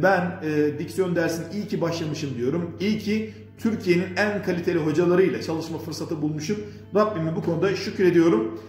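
A man with a high voice talks earnestly and devoutly as he teaches, wandering through his points with many hesitations. The room is echoey, and soft music plays underneath. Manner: earnest, pious, rambling with many fillers. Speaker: diction course host. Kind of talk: casual instructional talk.

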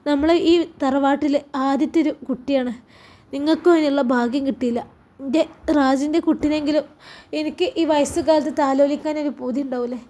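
A woman voicing a sorrowful elderly mother who pleads softly, in a Malappuram Malayalam accent. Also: sits high, fairly even intonation, a little fast, natural voice. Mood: pleading.

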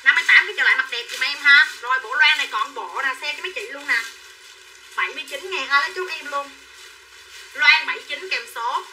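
Chatty high bright seller. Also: female voice, a little fast. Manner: chatty, calls out prices and buyer names, coaxes viewers. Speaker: livestream clothing seller. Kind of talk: live sales pitch. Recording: distant mic with faint background noise.

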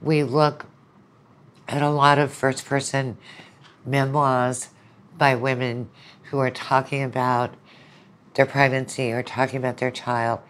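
Here a middle-aged female lecturer, invited as a guest, explains her opinions conversationally, weaving in anecdotes and quoted asides. Her rumbling low voice stays level in tone, keeps a measured pace, and pauses often. Her manner is analytical and opinionated, with imagined speakers quoted along the way.

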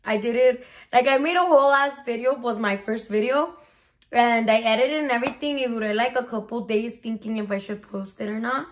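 Speaking briskly in a voice on the high side, this woman in her twenties answers Q&A questions for her vlog. She sits in a small bedroom, filming on a phone at arm's length, and talks casually with slang and bits of Spanish.

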